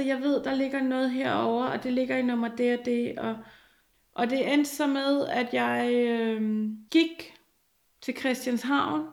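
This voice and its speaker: A young woman telling a personal story in a halting way, with many fillers and restarts. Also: fairly high pitch, vocal fry.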